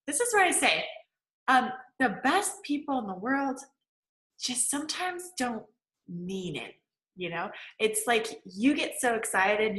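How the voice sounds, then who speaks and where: A woman in her forties teaching a live class as a manifesting coach, chatty, laughing often and acting out quotes with big jumps in pitch. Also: sharp tone, reverberant, rough recording. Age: 40s. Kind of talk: live-streamed class talk.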